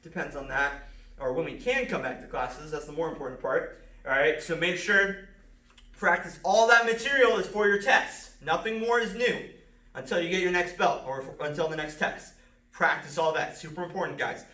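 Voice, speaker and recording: Bright-voiced man teaching self-defense. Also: fairly high pitch, moderate pace, echoey room, recorded from a distance. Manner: calls out moves step by step, sharp shouted strikes. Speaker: martial arts instructor. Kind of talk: filmed self-defense lesson. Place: empty martial arts school.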